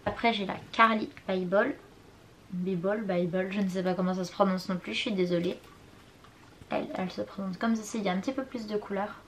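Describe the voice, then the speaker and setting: A woman's voice: mid-range voice, steady tone, fast talker, slight background noise. A young woman showing her makeup palettes in a casual vlog, chatty and unsure of product names, apologizing for her pronunciation. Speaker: beauty vlogger. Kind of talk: casual makeup collection show-and-tell. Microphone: compact camera mic.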